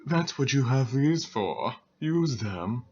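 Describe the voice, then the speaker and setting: A man reading the lines of a stern, cold male swordsman in a flat, matter-of-fact way. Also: mid-range voice, slow pace, reverberant, far from the mic, slight background noise. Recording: dull lo-fi recording.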